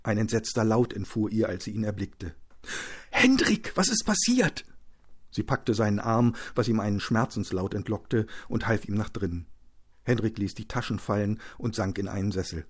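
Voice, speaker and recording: A man reading a novel aloud as an audiobook narrator, with steady, tense storytelling. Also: on the low side, fairly quick, breathy edge. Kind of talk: scripted narration.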